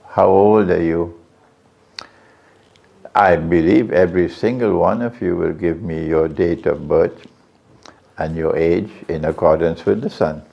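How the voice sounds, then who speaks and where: A man's voice: vocal fry, a little mellow, breathy edge. A man preaching a sermon, questioning his audience often. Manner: questions the audience, varies his pitch widely. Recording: lo-fi, dull sound.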